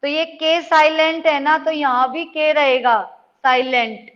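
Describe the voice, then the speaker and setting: A woman's voice: high-pitched, steady tone, measured pace, a bit bright. A woman teacher giving an online class lesson, patiently checking in with her students as she explains. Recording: dull lo-fi audio with long reverb.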